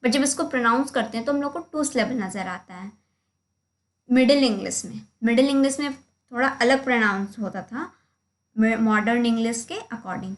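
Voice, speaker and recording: High-voiced woman teaching poetry meter. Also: moderate pace. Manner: explains step by step, marking stressed and unstressed syllables aloud. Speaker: literature teacher. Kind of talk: slide lecture in Hindi mixed with English.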